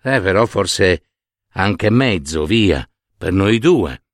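In a storybook tale, a man with a low-pitched, expressive voice raises it in an exaggerated way to play the kindly, homely wife of a poor shoemaker, a middle-aged woman. He speaks slowly in a gentle, questioning manner, recorded dry in studio quality.

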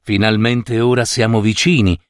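A man voicing a gentle young prince of the stars in a storybook, speaking softly and low. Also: little pitch movement, normal speed, no echo, clean studio sound, natural voice. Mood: tender. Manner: gentle, lowered voice.

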